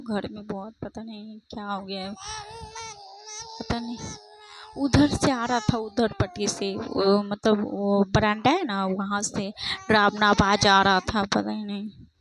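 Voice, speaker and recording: A woman's voice: medium pitch, fairly even intonation, unhurried, slight background noise. A young woman making a casual vlog at home at night, speaking fearfully and repeating herself to her viewers. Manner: fearful, repetitive, addressing viewers as friends. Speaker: vlogger.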